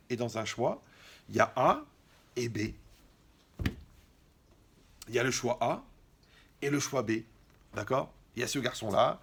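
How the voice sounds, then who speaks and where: A man performing a stand-up comedy monologue, his voice gravelly and creaky at mid pitch. He slips into acted-out exchanges and mocking asides as he talks the audience through a story. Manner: acts out dialogues, mocking asides.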